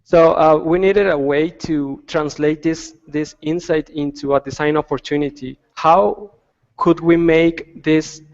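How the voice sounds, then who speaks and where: A man's voice: on the high side, steady tone, unhurried, darkish tone. A man on a video call explaining design research, with many restarts and fillers. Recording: dull lo-fi sound with long reverb.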